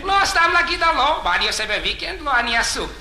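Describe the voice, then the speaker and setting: A comedian playing a boastful womanizer who brags on the phone and breaks into frantic shouting. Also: very high-pitched, sing-song, roomy sound, heavily acted, low-quality recording. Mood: smug. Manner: rapid bragging chatter breaking into frantic shouts. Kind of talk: comic sketch.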